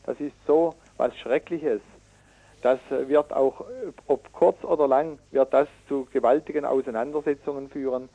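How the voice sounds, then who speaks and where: In a dull-sounding radio interview, a man from a citizens' environmental initiative campaigns in a dark, mellow voice of average pitch. He reads out figures and argues haltingly, hesitating and correcting himself, stressing his points with indignation.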